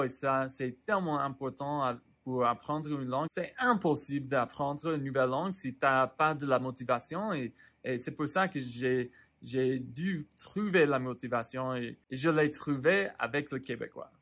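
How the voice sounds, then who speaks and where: A man learning French explains his reasons in a monologue, halting often and repeating words as he searches for them. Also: mid-range voice, fairly bright tone. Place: lives in the United States.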